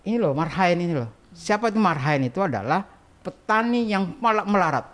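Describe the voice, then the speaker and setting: A man's voice: high-pitched, lively intonation, a little fast, a bit bright. A man guest on a casual podcast interview, explaining things in a chatty way and asking rhetorical questions. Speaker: guest archivist.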